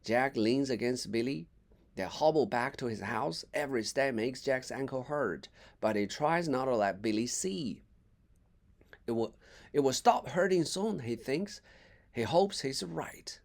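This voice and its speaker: A man reading a children's story aloud as an English teacher, expressive with small slips and asides. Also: mid-range voice, measured pace, vocal fry.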